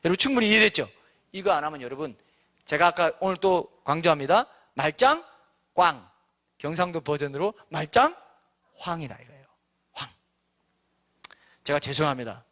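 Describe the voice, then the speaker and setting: A man's voice: a little high, fairly quick, pauses often, a bit bright. A male pastor preaching a sermon in a church, emphatic and full of rhetorical questions to the congregation.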